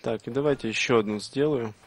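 A man's voice: mid-range voice, fast. A man giving casual let's play commentary, muttering short reactions as he plays. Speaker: gamer commentating own play. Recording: clear game noise behind voice.

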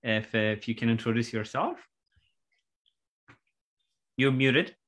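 A man's voice: mid-range voice, takes it slowly, a bit bright. Man hosting a video-call talk show. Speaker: show host. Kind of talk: casual video-call interview.

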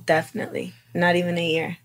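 A woman's voice: on the low side, completely flat delivery, fast talker. A woman from Venezuela, a new realtor guest on a podcast, giving short giggly answers. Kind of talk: casual podcast chat. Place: small office studio.

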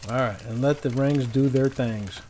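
Mellow and medium-pitched, this man talks at an ordinary pace. He hosts a cooking show outdoors, demonstrating at a griddle on a paved patio and giving informal, easygoing tips with a folksy turn of phrase. Clear sounds of sizzling, frying food sit behind his voice.

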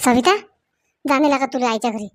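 A woman's voice: high voice, fairly quick, no echo, faint music behind, natural voice. A woman voicing a stern young husband in a comedy sketch, firm and scolding, in a Varhadi Marathi accent. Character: young husband, stern, trying to keep the peace.

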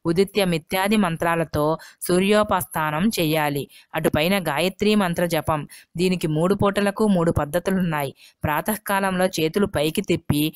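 Smooth, low-voiced woman reading scripture. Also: dry recording. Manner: steady, measured reading with slow, deliberate listing of names. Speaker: devotional scripture reader. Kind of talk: scripted devotional recitation.

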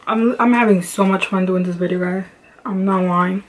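A woman's voice: medium pitch, fairly even intonation, normal speed, noisy background. Chatty woman vlogger doing her makeup. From Los Angeles, United States. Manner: chatty, rambling, many "like" and "um" fillers. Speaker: beauty vlogger. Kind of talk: casual makeup tutorial chat. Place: home bedroom with lamps and makeup shelves.

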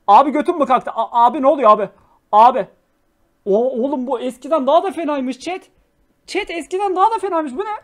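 A young man streaming live, reacting to clips with loud exclamations, mock scolding and swearing. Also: extremely high pitch.

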